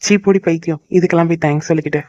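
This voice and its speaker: A man's voice: on the high side, steady tone, rapid-fire, a little mellow, no echo, lightly acted. A man voicing a possessive but tender young boyfriend in a cartoon. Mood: affectionate. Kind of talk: cartoon voice acting. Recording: dull lo-fi dry recording.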